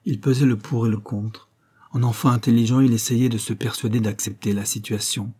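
A man reading a novel aloud as an audiobook narrator, steady and measured. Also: mid-range voice, slightly rough. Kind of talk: scripted narration.

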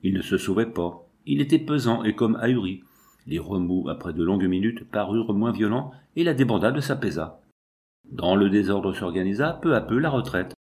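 Low-voiced man narrating a novel. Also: expressive, darkish tone. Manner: measured, dramatic reading of a novel. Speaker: audiobook narrator. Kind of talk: scripted literary narration.

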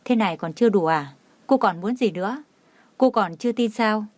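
A woman's voice: medium pitch, expressive, normal speed, no room sound, lightly acted. Woman reading a cold sneering rich husband, cutting tone, dry close sound. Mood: contemptuous. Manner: cutting, contemptuous. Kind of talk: audiobook narration.

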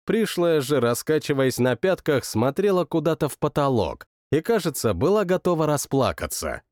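A man narrating a first-person story in an expressive storytelling manner. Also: on the high side, normal speed, no room sound, studio quality. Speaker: audiobook narrator.

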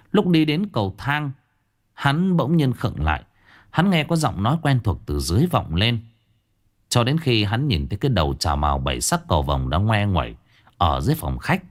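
A man narrating a ghost story in an expressive way. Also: lowish voice, moderate pace.

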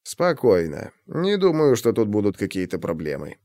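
Man reading as a curt police major, clipped orders, lively swings in pitch, dry close audiobook sound. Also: moderate pace, dry recording. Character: commanding middle-aged male police major, curt.

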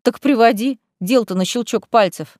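A woman's voice: a little high, moderate pace, darkish tone, no room sound, studio quality, lightly acted. A woman reading the part of a sly, greedy young female cat familiar who talks in a lazy, teasing, mocking way. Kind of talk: audiobook character voice.

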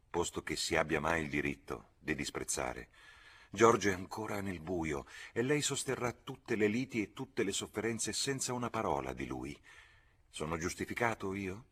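A man voicing a gentle old man who speaks softly, earnest and heartfelt, in an audiobook reading. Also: sits low, husky, exaggerated voice.

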